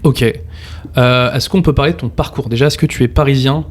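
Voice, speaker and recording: A man's voice: medium pitch, steady tone, a little fast. A man hosting a casual podcast interview, chatty and enthusiastic, filling his speech with fillers and slang. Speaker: podcast host, mortgage broker.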